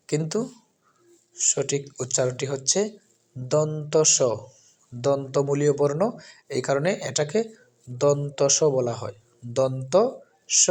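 A man, who comes from Bangladesh, teaching a lesson. He talks slowly and repeats each sound with careful stress. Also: on the high side, a little mellow. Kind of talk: spoken lesson.

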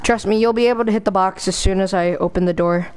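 A woman's voice: mid-range voice, fairly even intonation, fast, darkish tone, slight background noise. A woman in casual gaming chat with a slangy, hyped gamer bro way of talking. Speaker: gamer playing co-op.

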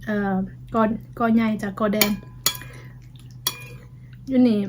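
A woman's voice: fairly high pitch, steady tone, slow pace, noisy background. A woman with an Isan Thai accent chatting casually for her vlog while she eats, humming as she tastes the food. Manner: chatty, tasting food with murmured hums. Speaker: vlogger.

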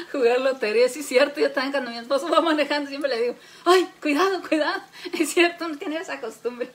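High-voiced, laughing Mexican woman. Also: a little fast. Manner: laughs often, chatty, tells jokes to viewers. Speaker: cooking livestream host. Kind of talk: casual chat while cooking. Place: home kitchen, indoors. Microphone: phone held close. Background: faint frying and sizzling.

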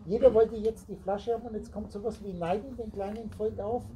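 A man's voice: high voice, steady tone, brisk, a crowd in the background, low-quality recording. Rambling man lecturing a small group. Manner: rambling, wordplay on word roots, addresses listeners directly. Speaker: spiritual teacher. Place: meeting room with a small group. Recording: recorded amid a chattering group.

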